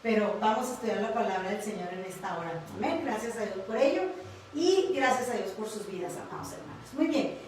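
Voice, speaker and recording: A woman's voice: medium pitch, lively intonation, a little fast, darkish tone, a little hiss or hum. A woman with a Mexican accent teaching a livestreamed Bible class, often adding tag questions and fillers. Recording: very echoey room, mic far off.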